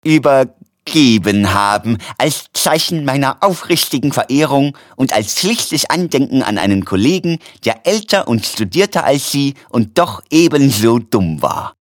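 A man's voice: medium pitch, very animated, measured pace, dry recording, clean studio sound, voice pushed up. A man voicing a courteous elderly male doctor who talks in a polite, effusive, formal way. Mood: courtly.

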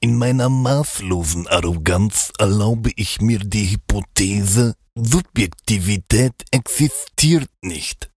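A man playing a supremely arrogant intellectual, speaking in a pompous, measured way. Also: on the low side, darkish tone, breathy edge, no room sound, studio quality, faint music behind, exaggerated voice.

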